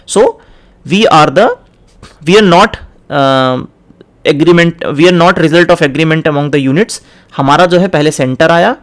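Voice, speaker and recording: Young male exam tutor with a slightly high voice who code-switches in a relaxed lecture style and reads questions deliberately. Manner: mixes Hindi and English, reads questions slowly and deliberately. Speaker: exam prep teacher.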